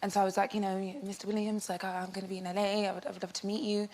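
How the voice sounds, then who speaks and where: A woman's voice: medium pitch, flat delivery, rapid-fire, a little mellow. A woman in her thirties, a talk show guest telling a story in a casual, chatty way. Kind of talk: casual anecdote.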